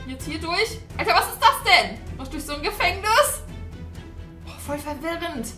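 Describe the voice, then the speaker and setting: Bright, excitable woman gaming host. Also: extremely high pitch, normal speed. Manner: excitable, shrieks and laughs when scared. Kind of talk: game commentary. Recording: roomy sound with faint game music.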